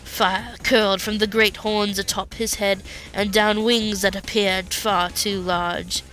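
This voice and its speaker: A woman's voice: mid-range voice, flat delivery, slow, a bit bright, soft background music. A woman reading fan fiction aloud in plain storytelling. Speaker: reader.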